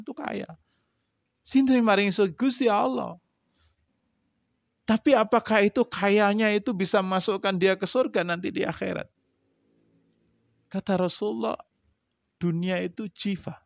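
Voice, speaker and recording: East javanese guy preaching, a bit high voice, jumps loud then drops quiet, dull lo-fi sound. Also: gravelly, no echo. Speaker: preacher teaching a religious book. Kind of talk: sermon. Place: mosque or prayer hall gathering.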